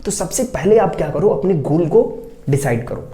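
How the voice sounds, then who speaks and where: A teacher giving students exam preparation advice in a casual classroom style, direct and advising, checking in often with a quick "okay". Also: medium pitch, lively intonation, warm tone. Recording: echoey room.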